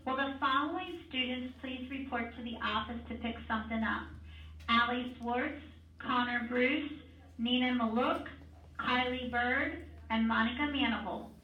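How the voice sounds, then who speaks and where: A woman making a formal school announcement over the intercom, calling out names slowly and deliberately. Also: a little high. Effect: over the school intercom loudspeaker. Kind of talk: public address announcement. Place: classroom, heard through a wall speaker. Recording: echoey, dull intercom heard from far off.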